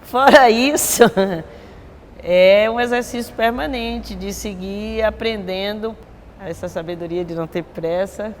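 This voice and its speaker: Speaking unhurriedly in a mid-range voice, a woman in her sixties from Bahia reflects on her life as a capoeira master in an interview. Her Bahian Portuguese accent comes through, she frequently ends with a tag question, and the big-room recording has slight background noise.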